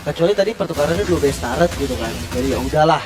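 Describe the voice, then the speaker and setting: A man's voice: on the high side, expressive, very fast. A man with an Indonesian accent giving live esports commentary in casual slang mixed with English gaming terms. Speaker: esports caster. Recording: loud music behind voice.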